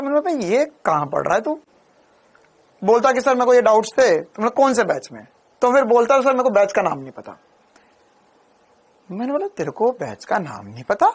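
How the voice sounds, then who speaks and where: A young man teaching a physics class in a casual, chatty way, talking to students like friends. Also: high-pitched. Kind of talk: casual Hindi lecture.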